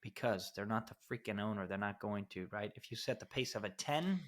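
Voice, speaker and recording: Blunt, emphatic man with a lowish voice. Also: a little fast, fairly bright tone. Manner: blunt and emphatic, casual swearing. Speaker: podcast co-host, steel fabrication company owner. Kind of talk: casual podcast chat.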